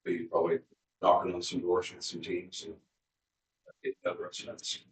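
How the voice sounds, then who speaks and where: A man introducing himself as a candidate at a town council meeting, speaking haltingly with many fillers. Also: low-pitched, monotone, roomy sound, recorded from a distance, low-quality recording. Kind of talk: informal public self-introduction. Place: town hall meeting room.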